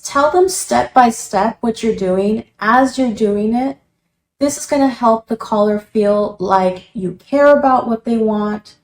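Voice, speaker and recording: A woman giving an instructional lesson as a call center English trainer, explaining clearly step by step with example phrases. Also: mid-range voice, darkish tone. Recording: roomy echo.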